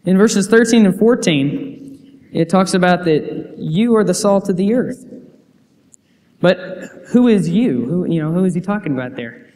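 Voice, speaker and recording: High-voiced and unhurried, the young adult man preaches with lively intonation and a darkish tone. Reverb from the church hall fills his earnest sermon as he reads quotes and scripture aloud in the sanctuary, often starting sentences over.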